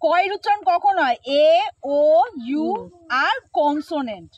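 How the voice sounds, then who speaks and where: Very animated, this high, light-voiced pronunciation teacher slowly repeats each sound and patiently coaxes her students to respond. The audio is dull, with a little hiss or hum.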